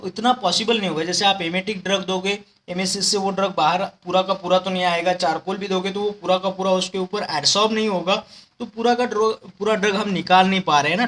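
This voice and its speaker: A man with a high-pitched, slightly bright voice gives an exam-prep pharmacology lecture. He explains step by step, uses memory tricks and frequently checks in with his listeners.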